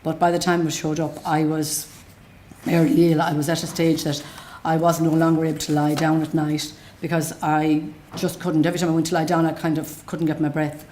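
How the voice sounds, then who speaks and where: A woman's voice: deep voice, little pitch movement, fairly quick, a little mellow, slight background noise. A middle-aged woman with a west of Ireland accent giving an unscripted personal account in a plain-spoken, matter-of-fact way. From Galway, west of Ireland. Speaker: patient telling their own story.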